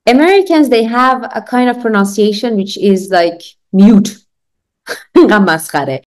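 Animated woman teaching English phrases. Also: a little high. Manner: lively, laughs often, drills phrases for repetition; slows down to model English phrases clearly. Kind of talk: online language lesson.

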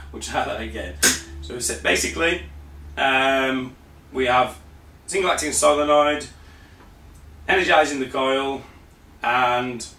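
A man's voice: medium pitch, bright, forceful tone. Man explaining, roomy distant sound. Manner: hesitant, many fillers and restarts, explaining patiently. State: slightly losing his voice. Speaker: presenter of a parts store video. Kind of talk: unscripted technical demonstration. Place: shop or workshop room.

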